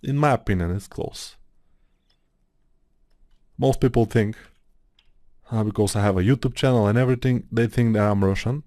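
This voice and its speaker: A man's voice: lowish voice, normal speed, pauses often, mellow, no room sound, clean studio sound. A man with an Eastern European accent, chatting in a meandering way while he works through a modeling tutorial, thinking aloud with many fillers. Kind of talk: casual rambling tutorial talk.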